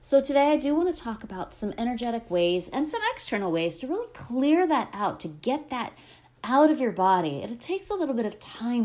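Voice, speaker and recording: A woman speaking as a podcast host and holistic coach, explaining spiritual wellness in a gentle, encouraging way. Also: mid-range voice.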